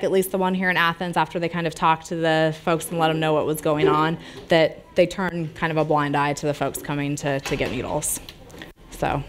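Middle-aged woman speaker, lower register, clean resonant voice; casual lecture with audience Q&A. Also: smooth. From United States. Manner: conversational, gestures freely while speaking. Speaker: public health professor giving a talk. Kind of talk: informal public talk with audience questions. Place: small lounge with brick walls, seated audience.

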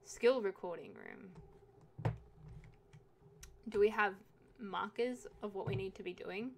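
Speaking slowly in a mid-range, vocal-fry voice, a young woman gives chatty let's-play commentary on a video game, joking around and swearing now and then. The background is noisy.

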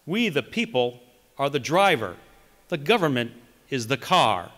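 Middle-aged male candidate, bright and forceful, reading his speech at a podium in a reverberant hall. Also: mid-range voice, very animated. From Wisconsin. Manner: reads from notes, emphatic measured delivery. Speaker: political candidate. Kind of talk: read campaign speech. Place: large conference hall, indoors. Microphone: podium microphone.

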